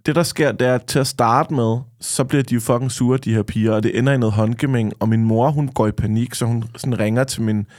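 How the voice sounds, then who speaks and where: A man's voice: medium pitch, steady tone, few pauses, a little mellow, no room sound, studio quality. Crude laughing man telling party stories. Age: 30s. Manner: crude, laughing, swearing anecdotes. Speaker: podcast co-host. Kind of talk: casual storytelling chat.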